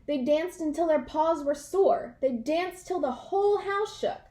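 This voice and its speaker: Narrating a children's storybook at a measured pace, a woman with a high voice reads expressively and animatedly, stressing key words.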